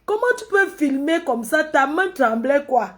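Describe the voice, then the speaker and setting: A woman's voice: high voice, lively intonation, normal speed, a bit bright. A woman with a Cameroonian French accent giving casual live commentary, mocking and scolding with frequent laughter. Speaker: social media commentator.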